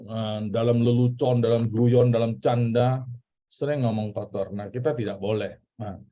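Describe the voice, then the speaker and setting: A man's voice: mid-range voice, steady tone, moderate pace. A man with an Indonesian accent teaching a church Bible class in a casual, chatty way, asking questions and repeating key words. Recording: dull lo-fi recording.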